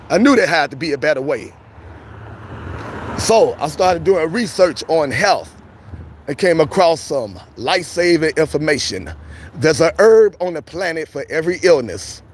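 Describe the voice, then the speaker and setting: A man's voice: on the high side, slight background noise. A man vlogging on a city street, greeting passersby in upbeat slang while losing his voice. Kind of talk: casual street chat.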